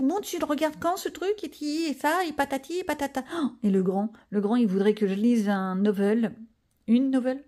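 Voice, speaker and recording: Coloring in a home vlog, a middle-aged woman chats loosely and pokes fun at herself as she wanders between topics. She has a slightly high, slightly mellow voice.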